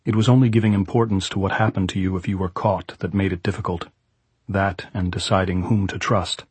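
A man's voice: low-pitched, fairly even intonation, fairly quick, slightly rough, no echo. A man narrating a literary novel as a scripted audiobook reading.

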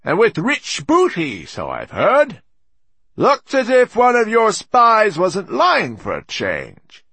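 A sly mocking piper, high bright sing-song voice, slow and sneery. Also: male voice, wildly swooping pitch, husky, no room sound, heavily acted. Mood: sneering.

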